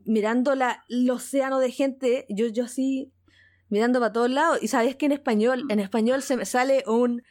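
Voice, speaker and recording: Mujer chilena contando una anécdota emocionada. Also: female voice, fairly high pitch, moderate pace. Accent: Chilean Spanish. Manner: excited, repeats words, laughs often. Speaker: guest. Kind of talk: casual storytelling.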